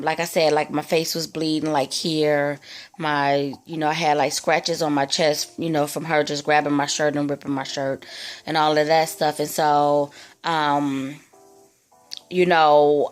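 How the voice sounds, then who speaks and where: Slow, low-voiced woman rambling through a story. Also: smooth. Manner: rambling, full of "like" and "you know". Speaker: vlogger telling a personal story. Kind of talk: casual storytime retelling.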